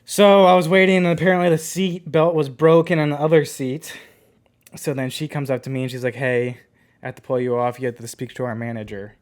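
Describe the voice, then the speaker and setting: A man's voice: medium pitch, level tone, brisk. Guy rambling thru a story on a podcast, lots of likes and ums. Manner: rambling, lots of filler words. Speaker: podcast co-host. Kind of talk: casual storytelling.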